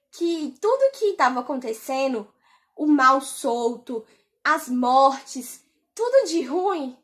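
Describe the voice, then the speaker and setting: A woman telling of a religious dream in an earnest, emotional way, often repeating her words. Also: high voice. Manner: earnest, emotional, repetitive storytelling. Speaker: vlogger.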